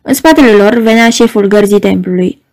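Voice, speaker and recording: A woman narrating a novel as an audiobook, in an even, measured storytelling voice. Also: medium pitch, rough recording.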